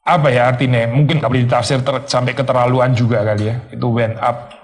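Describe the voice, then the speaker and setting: A man preaches a sermon in a relaxed, conversational way, like a teacher talking through a passage. He asks his listeners questions, slips English phrases into his talk, and now and then acts out a complaining voice to make his point. His voice sits at an ordinary middle pitch for a man. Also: quick pace, faint music behind. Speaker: pastor.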